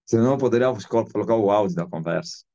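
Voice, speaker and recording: Over a slightly muffled online call, a man with an Angolan Portuguese accent, an apostle and preacher, delivers a sermon live on video. His voice is lowish, creaky and warm, and he speaks very fast. He is emphatic, repeating phrases to give his points weight.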